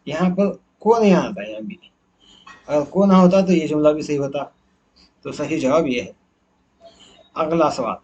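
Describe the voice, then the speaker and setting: A man's voice: medium pitch, slight background noise. A man teacher going through exam questions one by one, asking and answering his own questions as he explains. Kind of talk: exam answer key walkthrough.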